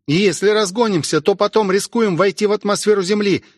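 A man voicing a jittery, eager young male cosmonaut in an audiobook, with higher, strained, anxious questions. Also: brisk, no echo, studio quality. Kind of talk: audiobook character voice.

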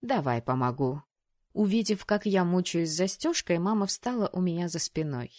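A woman reading a first-person novel aloud in an expressive, measured way. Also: lowish voice, dry recording, clean studio sound. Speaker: audiobook reader.

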